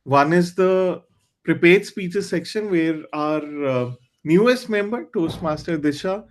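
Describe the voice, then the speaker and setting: Over video, a slow-speaking meeting host with a high voice leads a club session online. He is a Hindi speaker whose earnest, candid manner includes little fillers while he searches for the right words.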